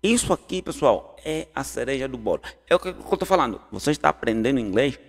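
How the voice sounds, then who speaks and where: A man's voice: medium pitch, big pitch swings. Man teaching an English lesson, echoey. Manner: repeats example sentences slowly, asks learners questions. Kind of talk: casual online language lesson.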